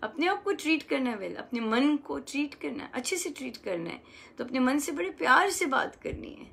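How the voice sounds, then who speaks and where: A woman giving a gentle devotional talk as a spiritual teacher, coaxing and affectionate, often checking in with her listeners. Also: sits high, sing-song, a little fast, vocal fry. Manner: gentle, coaxing, acts out loving self-talk.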